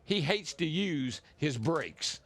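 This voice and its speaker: A man's voice: a little high, big pitch swings, slow pace, a bit bright. A man working as a race analyst, giving confident explanations of driving technique.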